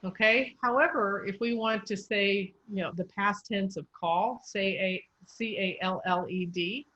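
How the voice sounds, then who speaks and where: Woman voice coach, patient, slow spelled-out explanations, mid pitch. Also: sharp tone, dull audio. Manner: patient, spells out letters slowly. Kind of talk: pronunciation coaching.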